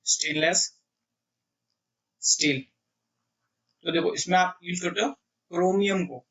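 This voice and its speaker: A man teaching electrical engineering exam questions in Hindi mixed with English, who keeps checking "clear?" and reads the English questions out slowly. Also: high-pitched, fairly even intonation, far from the mic, low-quality recording. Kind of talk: exam prep lecture.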